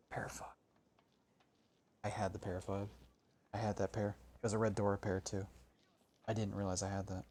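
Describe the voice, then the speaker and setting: A man's voice: lowish voice, level tone, normal speed, pauses often, a little mellow. A man streaming a game, thinking aloud and grumbling with frequent swearing. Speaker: gaming streamer. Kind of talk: casual gameplay commentary.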